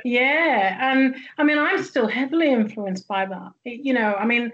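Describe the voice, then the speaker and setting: A woman's voice: a little high, normal speed, lo-fi sound, a crowd in the background. A woman from the northwest of England with a Northern English accent, speaking thoughtfully as a guest sociologist, with many fillers and restarts. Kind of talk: academic interview conversation.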